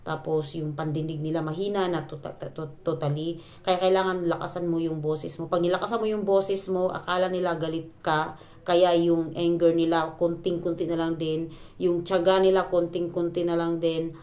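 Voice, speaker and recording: A woman's voice: fairly low pitch, flat delivery, normal speed, a little mellow. A woman from the Philippines, vlogging at home, venting to her viewers in a rambling way, full of fillers and restarts and dropping in English words. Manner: exasperated venting. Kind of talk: casual chat to viewers.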